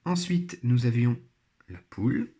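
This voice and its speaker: Man, primary teacher, slow patient delivery, careful syllable-by-syllable articulation, mid-pitched voice. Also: big pitch swings, mellow. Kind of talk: recorded remote phonics lesson.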